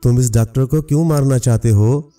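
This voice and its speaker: A man voicing a brave young princess who speaks proudly and calmly in a storybook tale. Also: medium pitch, brisk, lightly acted. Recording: distant mic, faint music.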